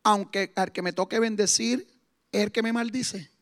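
A man preaching a sermon with fervor, moving from hushed stretches to loud exclamations. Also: high-pitched, steady tone, moderate pace. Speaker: guest preacher.

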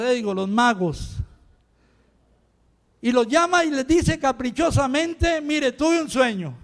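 An older man from Rica, preaching an impassioned sermon that swings between quiet talk and shouting. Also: high voice. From Costa Rica.

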